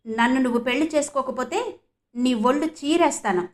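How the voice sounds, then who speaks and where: An angry, possessive young man snaps and threatens, loud and sneering, as a woman reads him in an audiobook. The voice sits fairly high and pushes hard. The reading is steady and clean. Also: fairly quick.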